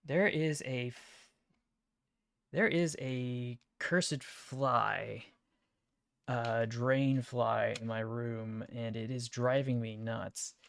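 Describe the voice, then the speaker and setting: A woman's voice: very deep voice, steady tone, extremely slow, vocal fry. A woman casually chatting while she streams a video game, playful and a bit silly. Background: faint background game music.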